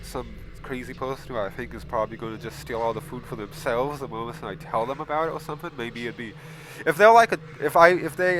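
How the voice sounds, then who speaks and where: A man hosting a casual gaming video, reading questions aloud and answering them bluntly, with frequent swearing and loud exasperated outbursts. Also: mid-range voice. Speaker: gaming channel host. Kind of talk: casual game commentary.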